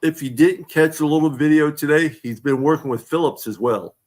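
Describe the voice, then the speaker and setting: A man's voice: a little high, fairly quick, a little mellow. A man hosting a casual sports fan livestream over a video call, rambling and a little slurred after a few drinks. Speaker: podcast host.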